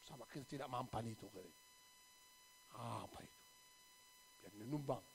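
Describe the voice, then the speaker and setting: A male pastor preaching a sermon, telling stories dramatically and acting out the people in them with sudden loud bursts. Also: medium pitch, huge pitch swings, moderate pace, gravelly, slight background noise. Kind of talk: sermon with storytelling. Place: church.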